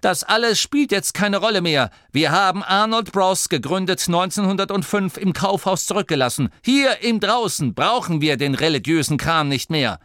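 A cocky young male nome at the wheel, sharp and sure of himself, pitched high, as a man puts him on. The reading is lively and dry. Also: normal speed, few pauses, dry recording. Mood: brash. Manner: curt, sharp. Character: bold young male nome driver, brash.

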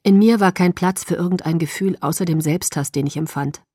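A woman narrating a novel in first person with an even, measured reading. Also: lowish voice, breathy edge, dry recording, clean studio sound. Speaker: audiobook narrator.

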